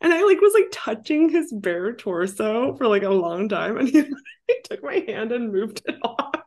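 A woman's voice: fairly high pitch, sing-song, moderate pace, a little mellow. A young woman in her twenties hosting a casual podcast chat, giggling often and saying "like" constantly. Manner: giggly, says "like" a lot. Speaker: podcast host.

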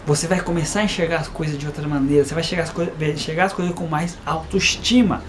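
A man's voice: on the high side, fairly even intonation, fast, noisy background. A man giving an informal devotional talk, chatty and plain, often tagging his sentences with a questioning aside. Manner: reads a verse, stumbles, rereads it. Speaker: lay preacher.

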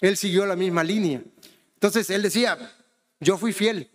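Speaking at normal speed in a large hall, this high-voiced Honduran preacher keeps his sermon conversational. He often turns to the congregation to ask "¿verdad?" and uses the word "hermanos."

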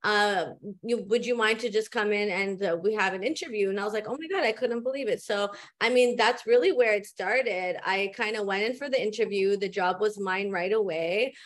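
A woman from Canada, a guest on a podcast, telling her story in a relaxed way with many fillers. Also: mid-range voice, moderate pace. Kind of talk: casual interview storytelling.

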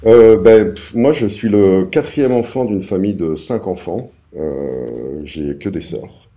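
A man in his forties with an extremely low voice and a deeply dark timbre. He is an interview guest telling his life story, halting with fillers and restarting his sentences as he searches for words. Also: lively intonation. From Paris suburbs, France. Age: 40s. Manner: hesitant, many fillers and restarts.

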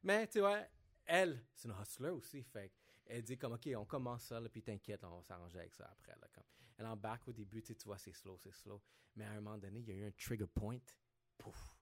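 A man hosting a podcast, telling stories in a relaxed way with English slang mixed in. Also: fairly low pitch, fast talker. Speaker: podcast host. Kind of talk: casual podcast chat.

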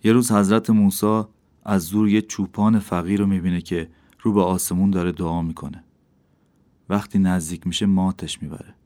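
A man voicing a calm, wise wandering dervish who teaches in a measured way. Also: low voice, natural voice.

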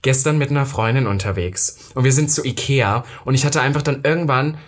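A man co-hosting a podcast who talks in a dramatic, swearing, confiding way. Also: mid-range voice. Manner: fast, dramatic, swears freely. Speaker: podcast co-host. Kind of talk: casual podcast chat.

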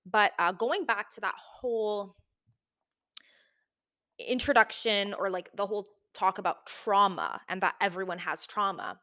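A woman talks casually to camera in a big, sparsely furnished room, and her voice echoes off the bare walls. She speaks at a middling pitch and keeps it chatty, with plenty of fillers and quick self-corrections. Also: expressive, fairly bright tone. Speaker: video host. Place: large, half-furnished room. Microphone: new microphone.

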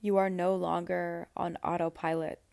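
A woman guiding a meditation in a slow, soft, soothing voice with long pauses. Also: fairly low pitch, little pitch movement, gravelly, dry recording. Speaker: meditation guide. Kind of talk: guided meditation.

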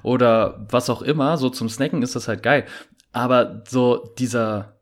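A young man chatting casually on a podcast, speaking at a middling pitch. He rambles, restarting his sentences and filling the gaps with "äh" and "ähm". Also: moderate pace. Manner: rambling, many fillers and restarts. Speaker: podcast co-host. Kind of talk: casual chat.

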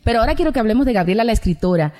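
A woman's voice: on the high side, lively intonation, racing, a little mellow. A woman from the Dominican Republic who hosts a radio interview show, asking friendly questions to draw out her guest.

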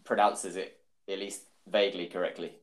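A man hosts a casual podcast discussion in a chatty way, with jokey asides. His voice sits somewhat low. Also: flat delivery, normal speed. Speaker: podcast host.

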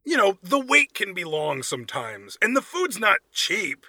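Man, podcast host, sarcastic comedic commentary, piercing bright tone, dry close sound. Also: sits high, wildly swooping pitch, a little slow, no echo. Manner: sarcastic, swears freely. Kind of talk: comedic commentary reading reviews.

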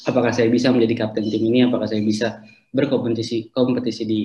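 A man with an Indonesian accent hosting an interview, speaking haltingly and searching for words. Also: mid-range voice, little pitch movement, dark tone, echoey room, muffled recording. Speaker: host.

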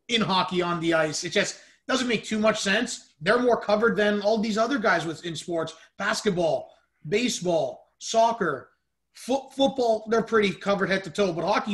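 High-voiced man hosting a casual sports show. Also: fairly bright tone. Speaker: podcast host.

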